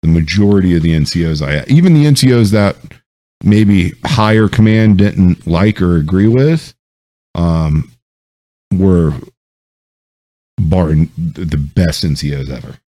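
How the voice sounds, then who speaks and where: A man's voice: low voice, expressive, measured pace, pauses often, warm tone. A man telling military stories in a loose, rambling chat, with lots of ums and swearing. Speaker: podcast host. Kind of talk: casual storytelling chat.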